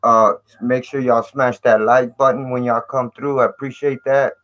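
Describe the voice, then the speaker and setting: A man's voice: mid-range voice, little pitch movement, moderate pace, muffled recording. A man hosting a casual live stream, greeting viewers in slangy, repetitive talk through fuzzy, distorted audio. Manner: slangy, repeats "man" and "you know".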